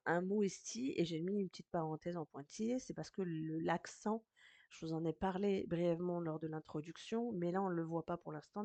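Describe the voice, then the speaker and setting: A woman teaching a recorded Arabic reading lesson in French, patient and slow, sounding out each syllable. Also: lowish voice, creaky, a little mellow, no room sound. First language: French speaker teaching Arabic.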